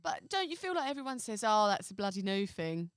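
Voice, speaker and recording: A young woman with a mid-pitched voice, cracking sassy jokes and interjecting in casual podcast chat. She sounds close to the mic, with a dry room. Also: sing-song, a little fast, clean tone, dry recording. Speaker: podcast co-host.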